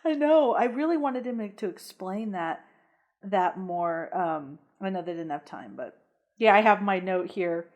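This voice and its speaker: A woman co-hosting a podcast, chatting casually and retelling film scenes in an animated way. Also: mid-range voice, measured pace, lo-fi sound. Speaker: podcast co-host. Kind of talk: casual chat about a horror film.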